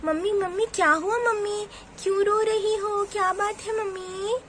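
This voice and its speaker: A woman playing a peacemaking young daughter in a doll story, soothing, bright high voice. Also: fairly even intonation, normal speed, noisy background. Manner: soothing, reasonable.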